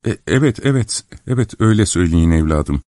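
A man's voice: deep voice, expressive, fairly quick, mellow, no room sound, studio quality. A man reading an audiobook, voicing a fussy old princess over 60 who calls out and repeats herself. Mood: agreeable. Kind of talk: audiobook character voice.

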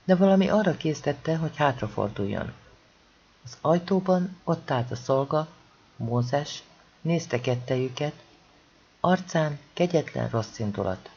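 An audiobook reader narrating a novel expressively, with strong swings in pitch and loudness. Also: animated, husky, dull audio.

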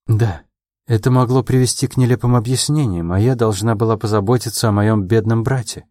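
A man voicing a proud, quick-tempered young woman in an audiobook, her lines pitched a little above his own and delivered in quick, emotional replies. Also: dark tone, dry recording, studio quality, close to an everyday voice. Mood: defensive, earnest.

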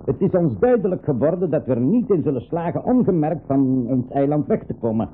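In a narrow, phone-like old radio recording with slight background noise, a radio drama actor plays a stubborn older professor and uncle in a 1980s school radio play. His voice is a little high, sing-song and a little fast, and he bargains firmly, speaking emphatically with hesitant repetitions.

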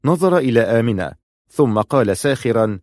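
A man reading a novel aloud in steady, measured scripted narration. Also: mid-range voice, no echo, studio quality.

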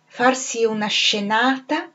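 A woman's voice: a little high, slow pace, pushed and bright, highs cut off. A woman reading as a wry, musing middle-aged man. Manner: musing, wondering. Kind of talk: audiobook reading.

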